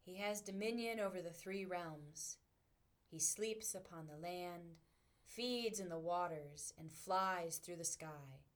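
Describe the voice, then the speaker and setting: A woman narrating a guided visualization with calm, measured storytelling. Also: lowish voice. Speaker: guided meditation leader.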